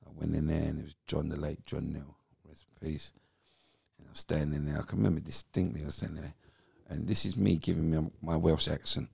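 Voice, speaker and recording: A man, a podcast guest telling his story in a lively, animated way. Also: very deep voice, brisk, gravelly, slightly rough, no echo, clean studio sound. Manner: animated storyteller who acts out voices. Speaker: podcast guest, former footballer. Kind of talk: casual interview storytelling.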